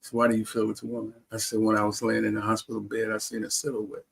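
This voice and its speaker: Talking fast in a fairly low, monotone voice that is gravelly with a breathy edge, this American interview guest recounts personal stories about his life as a heart transplant recipient. He keeps it casual and frequently repeats or restarts his phrases.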